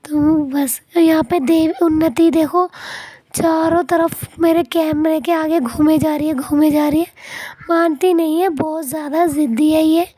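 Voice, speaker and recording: A young woman with a hoarse voice from a cough, narrating her family vlog in a casual, chatty way and talking to viewers as friends. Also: sits high, steady tone, unhurried, mellow, no echo. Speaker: family vlogger.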